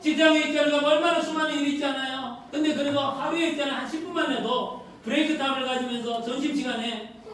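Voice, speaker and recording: A woman's voice: high-pitched, fairly even intonation, fast talker. A woman pastor preaching a sermon, earnestly asking her congregation questions. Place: church sanctuary. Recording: echoey hall, distant mic, noisy.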